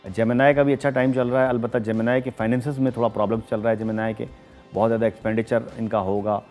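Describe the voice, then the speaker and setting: This middle-aged man, an astrologer with a Pakistani Urdu accent, reads horoscopes on a studio talk show and explains them with measured care and many hesitations. His delivery is flat, his mid-range voice darkish, and faint music sits in the background.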